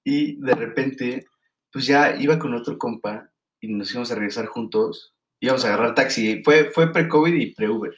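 A young man with a Mexican Spanish accent, co-hosting a casual chat and telling stories in an animated, slangy way. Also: medium pitch, moderate pace. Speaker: podcast co-host.

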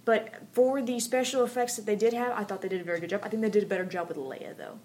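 A woman's voice: mid-range voice, fast, a little mellow. A woman in a casual podcast chat, talking in a chatty way with many fillers. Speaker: podcast co-host, 3D artist.

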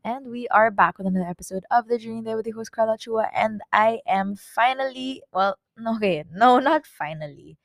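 A woman in her twenties with a Filipino accent, hosting her own podcast in a casual, rambling chat full of fillers and quick self-corrections. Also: a little high. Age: 20s. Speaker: podcast host.

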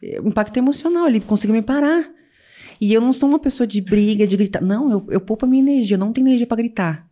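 A young adult woman chatting casually as a podcast co-host, telling stories in an animated, expressive way. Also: on the high side. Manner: animated storytelling, quick and expressive. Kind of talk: casual chat.

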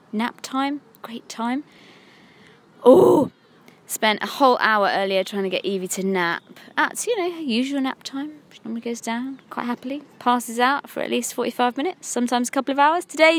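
A woman in her thirties with an English accent, talking candidly to camera from a parked car, rambling and self-critical. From England. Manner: frank, rambling and self-critical, with lively swings in pitch. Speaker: vlogger. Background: passing cars.

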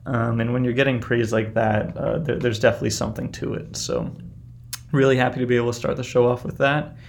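Creaky-voiced man hosting casually. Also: mid-range voice, little pitch movement, fast talker, slight background noise. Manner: informal, chatty. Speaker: music show host. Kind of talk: casual music show commentary between songs.

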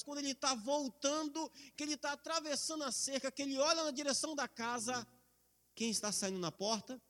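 Man preaching, high bright voice, emphatic, long hall reverb. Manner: emphatic, slows down for scripture. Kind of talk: sermon.

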